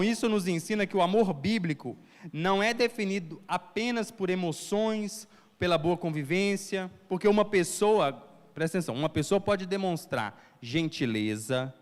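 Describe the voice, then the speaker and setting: Man preaching in a reverberant church. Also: high voice. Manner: lively preaching with questions to the congregation. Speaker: pastor. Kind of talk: sermon. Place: church hall.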